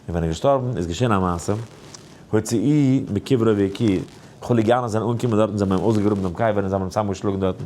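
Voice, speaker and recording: A man, a rabbi, giving an animated Torah lesson in a sing-song way, now and then stretching phrases into a chant. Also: quick pace, a little hiss or hum. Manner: lively, swings high and low. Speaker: rabbi teaching a daily Torah class.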